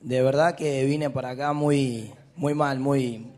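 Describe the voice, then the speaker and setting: A man's voice: medium pitch, fairly even intonation, slow pace, darkish tone. A man giving a church testimony in a downcast, hesitant way.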